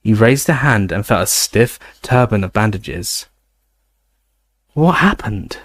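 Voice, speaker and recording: A man reading a novel aloud in an expressive way, now and then stumbling and restarting a word. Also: fairly low pitch, moderate pace, dry recording. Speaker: reader. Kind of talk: audiobook reading.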